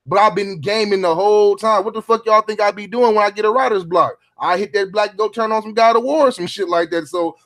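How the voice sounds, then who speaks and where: A man's voice: high-pitched, brisk, hardly any pauses, fairly bright tone. A middle-aged man hosting a casual round table chat, talking in laid-back, profane street slang. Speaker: podcast host.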